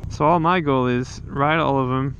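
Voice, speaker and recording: A man's voice: mid-range voice, normal speed, a bit bright, dull audio, slight background noise. A man talking casually while riding a motorcycle, rambling with lots of restarts and fillers, recorded on a helmet camera. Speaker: motovlogger. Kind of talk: casual riding vlog monologue. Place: riding a motorcycle outdoors on a coastal road.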